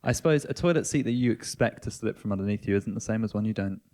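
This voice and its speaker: Teasing man host, lowish voice. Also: fast, darkish tone. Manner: teasing, dry, crude jokes. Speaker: podcast host. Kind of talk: casual podcast chat.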